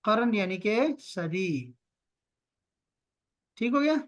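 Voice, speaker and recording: A man teaching an online language lesson over a video call, repeating words slowly and drawing them out for his learners. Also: high voice, big pitch swings, a bit bright. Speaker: Arabic teacher.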